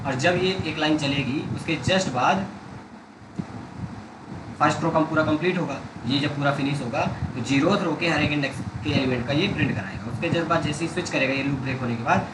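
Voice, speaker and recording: A man's voice: on the high side, fairly quick, roomy sound, background noise. A man teaching programming step by step, checking that his students follow along. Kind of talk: coding tutorial.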